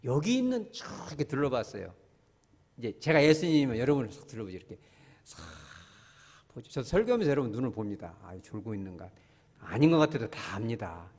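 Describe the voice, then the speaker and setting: Animated male pastor preaching in a church. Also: mid-range voice. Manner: animated preaching, acting out scolding relatives in quick asides. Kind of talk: sermon. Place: church sanctuary. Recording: church hall reverb.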